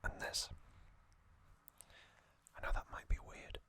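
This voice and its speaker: Whispering softly and deliberately, this adult ASMR host narrates with frequent pauses between brief phrases, sounding reflective.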